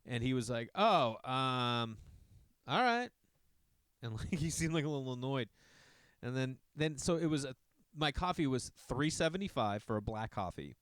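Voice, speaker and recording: A man's voice: medium pitch, fairly quick, smooth, dry recording, studio quality. A middle-aged man from Massachusetts hosting a podcast, rambling casually with profane asides to his listeners. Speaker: podcast host. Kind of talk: casual monologue.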